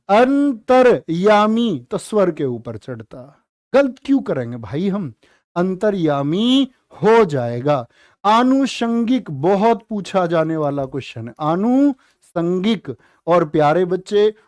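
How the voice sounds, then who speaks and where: Male tutor for a live class, high voice, unhurried, playful and teasing. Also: a little mellow, dry recording, clean studio sound. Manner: playful, teasing, drawn-out spelling of words. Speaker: Hindi teacher. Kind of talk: live online exam-prep class.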